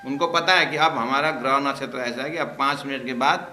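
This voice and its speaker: A man, a spiritual teacher, telling a humorous story as part of a religious lesson in a jokey, lively way. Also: medium pitch, brisk, reverberant, soft background music.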